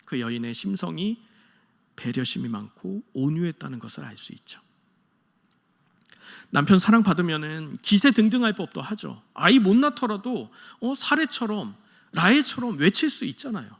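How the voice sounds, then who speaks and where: Male pastor, early-morning sermon, higher gravelly voice, long hall reverb, earnest with loud and hushed turns. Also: big pitch swings, normal speed. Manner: earnest, shifts between loud emphasis and soft hushed lines.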